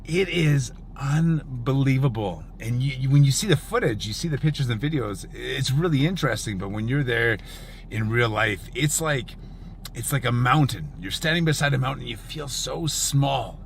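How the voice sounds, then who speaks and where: A man's voice: medium pitch, lively intonation, normal speed, creaky, a little hiss or hum. A man who chases storms, speaking in an earnest, awed, reflective way with emphatic repetition. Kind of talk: reflective personal storytelling.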